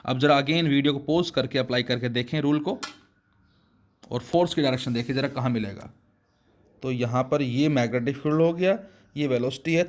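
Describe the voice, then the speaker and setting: A man teaching a physics lesson, explaining slowly and addressing his students as children, with words his speech. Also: medium pitch. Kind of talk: classroom lesson.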